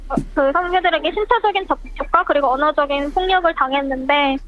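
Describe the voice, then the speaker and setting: Anonymous phone guest, pitch-shifted voice disguise raised high, halting delivery, tinny line. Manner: halting, hesitant speech with many pauses. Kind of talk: radio phone interview. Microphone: telephone.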